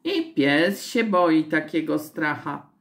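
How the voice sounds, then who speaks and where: A woman's voice: low-pitched, expressive, slow, exaggerated voice. A woman reading a children's story aloud and voicing a small, hungry, mischievous male imp with a whiny, giggling manner. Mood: gleeful.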